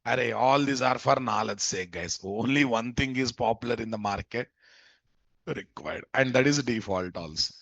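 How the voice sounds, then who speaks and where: A man's voice: mid-range voice, moderate pace, vocal fry, fairly bright tone, dry recording. A man with an Indian Telugu accent giving an informal live programming lesson, asking questions he answers himself and repeating phrases for emphasis. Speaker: programming instructor. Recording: dull, muffled lo-fi close recording.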